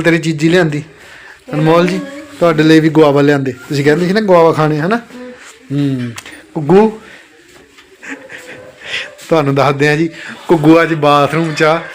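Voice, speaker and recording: A man's voice: on the high side, normal speed, long pauses, slight background noise. A young father vlogging his family day, talking to his children in a doting, coaxing way and often checking that they agree. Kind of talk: casual family vlog narration.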